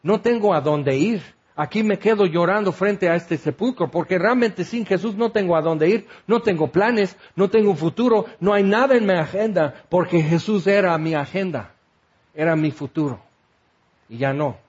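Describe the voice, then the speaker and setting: A man's voice: high voice, moderate pace, a little mellow, husky. A man voicing a grieving, desperate young woman disciple who pleads and questions, on a dull lo-fi recording.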